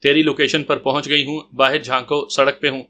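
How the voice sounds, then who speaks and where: A man's voice: medium pitch, little pitch movement, sharp tone, lightly acted. A man reading the lines of a brash young woman investigator in an audio story, in a blunt, direct way. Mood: matter-of-fact.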